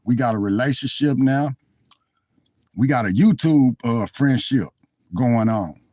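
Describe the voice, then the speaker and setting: A man's voice: mid-range voice, expressive, measured pace, darkish tone, no room sound. Rambling heartfelt man on a dry phone mic. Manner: rambling, heartfelt, apologetic, talks straight to chat. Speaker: live-stream vlogger. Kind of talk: casual live-stream chat. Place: car in cold weather.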